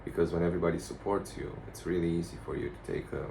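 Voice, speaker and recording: A man giving a casual, rambling vlog monologue in a blunt, profane, halting way. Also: deep voice, fairly even intonation, gravelly, dark tone. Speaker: vlogger. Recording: noticeable background noise.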